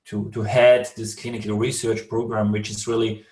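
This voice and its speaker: A man's voice: on the low side, flat delivery, moderate pace, darkish tone, reverberant, far from the mic. A man from Austria with an Austrian accent, speaking carefully and with many restarts as a guest on a video call interview. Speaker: guest, clinical research director.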